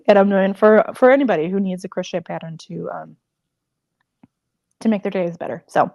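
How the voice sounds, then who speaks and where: A woman's voice: medium pitch, gravelly, darkish tone, no echo, clean studio sound. A woman crochet designer chatting casually on a livestream, rambling and emotional with many fillers.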